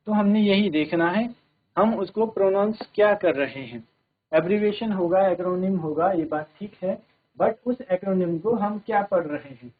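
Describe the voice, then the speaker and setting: Man teaching grammar over tinny audio. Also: high-pitched. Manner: steady, repeats "ठीक है" to check understanding. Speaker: English teacher. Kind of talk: classroom lesson explaining grammar. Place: broadcast studio classroom.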